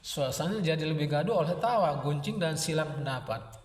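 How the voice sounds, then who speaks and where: Male storyteller, dramatic serial reading, rhythmic delivery; slightly high, far off the mic, long reverb. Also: expressive, a little fast. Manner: vivid, rhythmic narration. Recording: echoey room, voice from afar.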